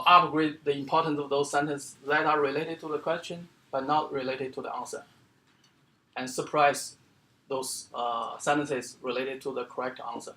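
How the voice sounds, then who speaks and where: A man giving an academic seminar lecture as the speaker, explaining in a halting way with many fillers and restarts. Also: fairly high pitch, sharp tone. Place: lecture room.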